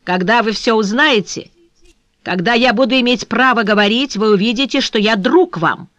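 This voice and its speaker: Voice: medium pitch, moderate pace, fairly bright tone, dry recording, natural voice. A cunning male abductor speaks coldly and insistently while putting on false friendliness, as the reader voices him. He is an audiobook character, heard close and dry with no room sound. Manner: cold, insistent, feigning friendliness. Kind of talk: audiobook reading.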